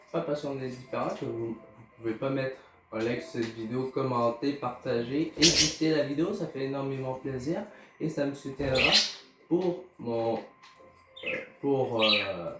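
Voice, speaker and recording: With a mid-range, slightly slow voice, a Canadian YouTuber with a Québécois accent casually narrates his gameplay, hesitant, stammering and full of fillers. Heavy background noise joins music, room echo and a distant mic.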